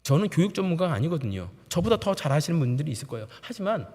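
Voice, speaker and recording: A man in his thirties preaches a sermon, his voice sitting a little high and rising and falling with lively animation. He acts out children and parents as he tells his stories. The sound carries the long reverb of a large church sanctuary. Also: racing. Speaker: pastor.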